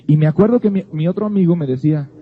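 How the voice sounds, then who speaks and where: A man gives an earnest Bible teaching, sharing a personal story conversationally. He speaks rapid-fire in a fairly high, husky voice, and the sound is narrow and phone-like.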